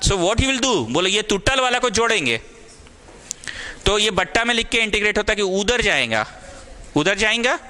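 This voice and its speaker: A man's voice: sits high, very animated, moderate pace, long pauses, sharp tone. A young man teaching maths to a small class, mixing in English and scolding students in a caring way. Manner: scolding yet caring, mixes Hindi and English. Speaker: maths tutor.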